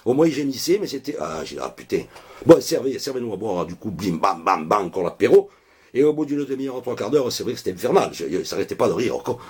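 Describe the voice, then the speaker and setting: A man with a broad Marseille accent spins a tall tale, his husky voice swooping up and down as he goes. He talks in a loose, chatty rush, dropping filler words at the end of almost every phrase. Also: medium pitch, fast. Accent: Marseille French. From Marseille, France. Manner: animated, loose and colloquial, full of hein and quoi fillers. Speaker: joke teller. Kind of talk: casual joke storytelling.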